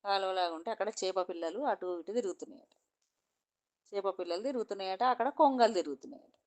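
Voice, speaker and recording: A woman's voice: medium pitch, fast talker, a little mellow. A woman with a Telangana accent telling a folk tale in a chatty, repetitive oral style. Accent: Telangana Telugu. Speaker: storyteller.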